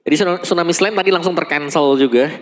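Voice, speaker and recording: A man's voice: fairly high pitch, fast. An Indonesian man giving analytical live commentary on an esports match. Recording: clear background venue noise. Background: venue noise.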